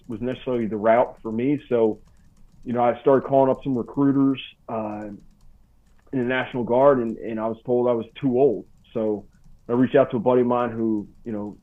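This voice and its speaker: A man in his forties, a podcast guest, telling a story in a casual, slangy way. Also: medium pitch. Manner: laid-back, slangy, full of "dude" and "bro". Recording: tinny phone-like line.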